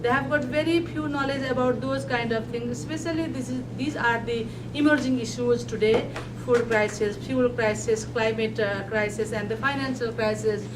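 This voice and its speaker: A woman from Nepal with a Nepali accent giving a conference talk, pausing often with fillers and restarts. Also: on the high side, fairly even intonation. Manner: halting, many fillers and restarts. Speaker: panel speaker. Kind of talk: conference presentation. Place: conference hall. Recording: distant mic, noisy hall.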